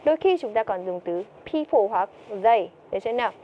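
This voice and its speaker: A woman's voice: a little high, lively intonation, a little fast, lo-fi sound. A woman teaching TOEIC vocabulary, who keeps asking her students questions and answering them herself. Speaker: English teacher.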